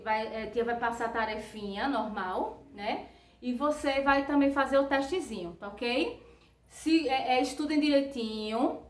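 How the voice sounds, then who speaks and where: Giving children a patient grammar lesson, a Brazilian woman teacher with a Brazilian Portuguese accent follows every phrase with a tag question. Her voice sits on the high side, caught by a distant mic slightly off-axis with a roomy echo.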